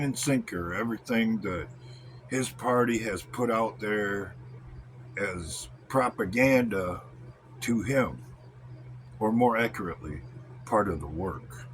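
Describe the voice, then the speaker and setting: A man's voice: lowish voice, lively intonation, slow pace, pauses often, a bit bright, a little hiss or hum. An American man delivering a blunt, scornful, coarse-mouthed rant in the style of a wrestling promo, drawing out words for emphasis.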